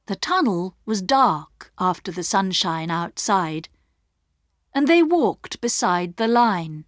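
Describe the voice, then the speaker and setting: A woman narrating a story in slow, clearly paced English for learners. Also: mid-range voice, sing-song, no room sound, studio quality. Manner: clear, carefully paced reading.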